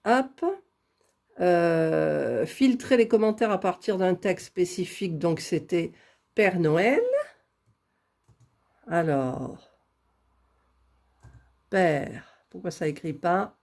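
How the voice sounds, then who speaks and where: A woman's voice: lowish voice, drawn-out words, creaky, long pauses, darkish tone. A woman chatting casually while drawing giveaway winners on a computer, laughing at her own fumbling. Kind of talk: casual screen-recorded vlog.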